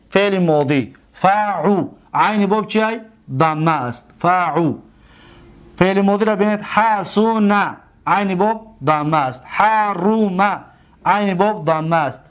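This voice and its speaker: A man with a fairly high voice and a Tajik Persian accent delivers a recorded grammar lesson. He stretches each example word out slowly and keeps asking questions that he answers himself. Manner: repeats and drawls example words slowly. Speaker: teacher of Arabic grammar.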